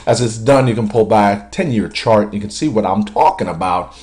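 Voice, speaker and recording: A man's voice: lowish voice, moderate pace, a little mellow. A man giving a casual market commentary, walking through stock charts with confident calls and frequent fillers. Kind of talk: screen-share chart walkthrough.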